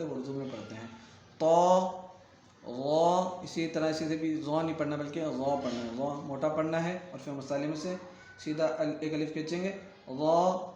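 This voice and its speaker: A man's voice: fairly high pitch, steady tone, darkish tone, lo-fi sound, slight background noise. Patient man teaching letter sounds, echoey. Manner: patient, repeats letters and checks in often; stretches letter sounds long when reciting. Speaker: Quran reading teacher. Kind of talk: recorded lesson.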